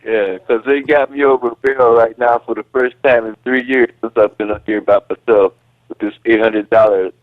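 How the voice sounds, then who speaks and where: A polite male caller talking in a plain, halting way over a phone line that keeps cutting in and out. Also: mid-range voice, fairly even intonation, dry recording. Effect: phone line breaking up, voice cutting in and out. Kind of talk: call-in radio conversation.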